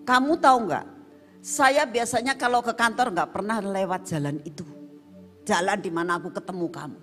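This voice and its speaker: A kindly army officer speaks in a firm, questioning voice, as a woman preacher acts him out, with wide swings in pitch. The voice echoes with long church reverb over soft music. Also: lively intonation, measured pace, close to an everyday voice. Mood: earnest. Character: kind, commanding male army officer.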